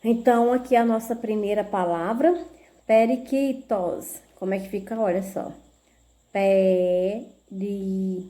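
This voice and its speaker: A woman teacher with a Brazilian Portuguese accent, giving a video lesson, slow and patient, spelling out syllables and checking in with little tag questions. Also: on the high side, warm tone.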